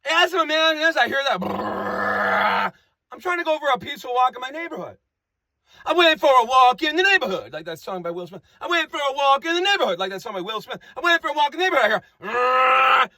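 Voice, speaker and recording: A man with a high, lively voice rambles through a comic monologue, looping back on phrases and twisting words for fun. The delivery is bright and the recording is dry and close. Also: fast, gravelly, no echo. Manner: rambling, repetitive, playful wordplay.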